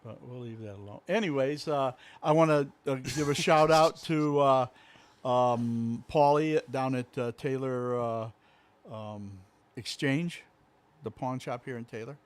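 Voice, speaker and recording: A man's voice: mid-range voice, a little slow, smooth, no echo. A middle-aged man, co-hosting a casual local talk show in a rambling, easygoing way with many fillers. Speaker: co-host. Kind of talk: casual chat.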